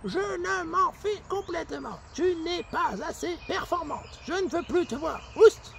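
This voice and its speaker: A woman's voice: very high voice, animated, unhurried, background noise, heavily acted. A woman voicing a stern, bossy female ant queen in a children's story, speaking curtly and dismissively. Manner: curt, dismissive.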